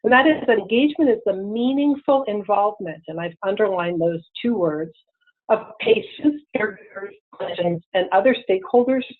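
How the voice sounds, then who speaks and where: A woman giving a webinar lecture over a crackly phone line that fades in and out, speaking in a measured way with frequent ums and restarts. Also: medium pitch, lively intonation. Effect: crackly phone line, fading in and out. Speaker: invited presenter on a webinar. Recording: tinny phone-line audio.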